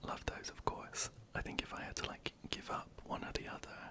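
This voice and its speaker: An ASMR creator, whispering softly and hesitantly while answering viewer questions into a close microphone. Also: brisk. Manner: soft, hesitant, many ums and restarts.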